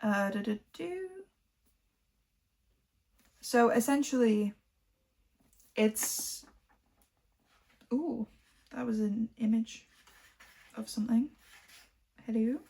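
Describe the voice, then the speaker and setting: A woman from Liverpool chatting casually about books she collected, rambling and filling pauses with "um" and "like". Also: fairly high pitch, creaky, warm tone. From Liverpool, England. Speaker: book vlogger.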